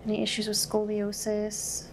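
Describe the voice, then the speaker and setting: A soft-spoken woman in an ASMR medical exam, acting as examiner and calmly explaining each step with gentle instructions. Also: medium pitch, moderate pace, background noise.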